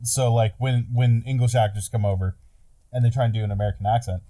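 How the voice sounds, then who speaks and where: A man as a podcast guest in casual chat, relaxed and hesitant with many fillers. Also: mid-range voice, fast.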